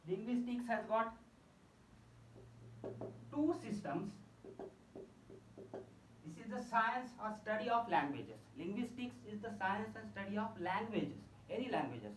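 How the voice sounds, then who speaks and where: A woman's voice: mid-range voice, expressive, unhurried, pauses often, a little hiss or hum. A woman with an Indian English accent giving a live online college lecture, explaining terms and repeating them for emphasis. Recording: roomy echo, mic set far off.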